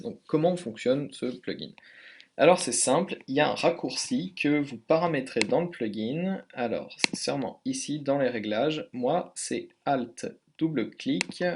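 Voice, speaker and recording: A man speaking at a middle pitch, walking through a software tutorial in a relaxed way. He fills his sentences with hesitations and corrects himself as he goes, sounding unscripted. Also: vocal fry, slight background noise. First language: French. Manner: hesitant, many fillers and self-corrections. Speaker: language tutor. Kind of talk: casual screen-recorded tutorial.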